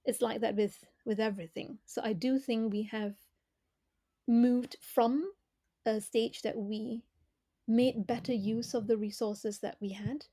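A woman from Malaysia, a former corporate director, answering interview questions in a thoughtful, measured way with frequent fillers. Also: on the high side, steady tone, warm tone.

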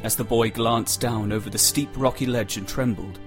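A man reading a dramatic storybook prologue aloud in a slow, measured way. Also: medium pitch, steady tone, faint music behind. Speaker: audiobook reader. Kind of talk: storybook narration.

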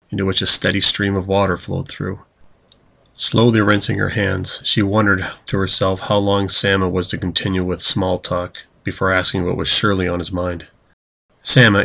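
A man narrating a fantasy story in a steady, descriptive reading style. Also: low voice, creaky. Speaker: audiobook narrator.

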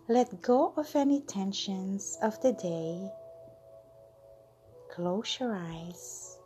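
Very slow, whispery woman meditation guide. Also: medium pitch. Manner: slow, soothing, drawn-out delivery with breathy whispered endings.

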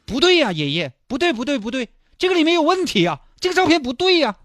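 A man's voice: extremely high pitch, sing-song, fast talker, a bit bright, no room sound, clean studio sound, faint music behind, pitched above the performer's own voice, exaggerated voice. A man doing a whiny little boy. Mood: puzzled. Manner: whiny, questioning. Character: puzzled six-year-old boy.

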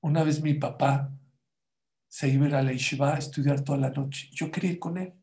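A man's voice: fairly high pitch, steady tone, fairly quick, warm tone, lightly acted. A man voicing an eager six-year-old boy who pleads with his father. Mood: pleading.

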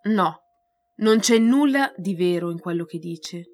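A woman reading as a calm, guarded mother. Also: on the low side, a little slow, soft background music. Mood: firm. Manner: firm and composed.

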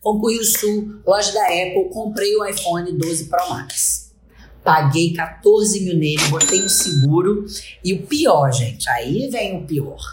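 A woman's voice: lowish voice, measured pace, darkish tone, slight background noise. Dramatic woman telling a story. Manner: dramatic, acts out the other people in the story. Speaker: podcast co-host. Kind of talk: casual storytelling chat. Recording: roomy echo.

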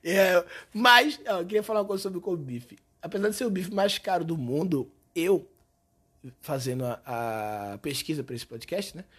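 A hoarse, hungover man with a Brazilian accent, telling stories in a slangy, animated, sweary way as a comedian hosting a casual podcast. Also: high-pitched, moderate pace. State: hoarse from a hangover and shouting. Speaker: podcast host and stand-up comedian. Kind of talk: casual comic podcast monologue.

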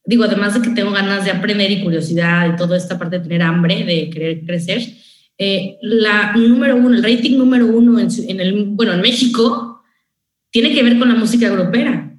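A woman with a Mexican accent chatting as a guest, a lively storyteller who acts out other voices. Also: medium pitch, a little fast, reverberant. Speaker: radio host guest. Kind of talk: casual interview chat.

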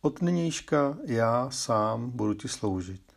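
A man voicing a gentle, loyal little male songbird in a fairy tale, speaking in soft singsong rhymes. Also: mid-range voice, animated, creaky. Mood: tender singsong. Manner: soft singsong rhyming lines.

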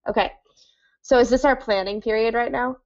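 Playful, higher-pitched woman at game table. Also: steady tone, fairly quick, lo-fi sound. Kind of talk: casual game-table chat.

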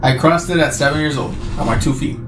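A man's voice: on the high side, steady tone, fast. A man from Oaxaca, Mexico, a guest chef, telling his story in a laid-back way, full of "you know.". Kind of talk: casual interview chat. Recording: echoey room, clear background noise.

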